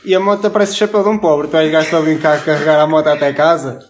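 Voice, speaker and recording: A man's voice: on the high side, rapid-fire, slight background noise. Young man telling a rowdy story. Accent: European Portuguese. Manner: laughing, swearing, animated storyteller. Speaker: podcast co-host. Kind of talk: casual storytelling.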